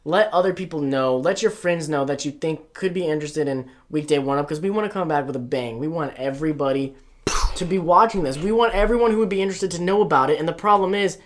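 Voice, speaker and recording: A woman's voice: low-pitched, fast talker. A woman co-hosting a casual gaming podcast, talking eagerly in long runs full of "like". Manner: eager, talks in long runs with many "like" fillers. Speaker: podcast co-host. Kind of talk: casual chat.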